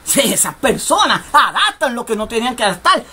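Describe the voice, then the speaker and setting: A woman preaches a radio sermon in a high, bright, cutting voice. She drives her points home by repeating phrases, and every so often she breaks into a shout. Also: sing-song, brisk, breathy edge. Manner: emphatic, repetitive, bursts of shouting.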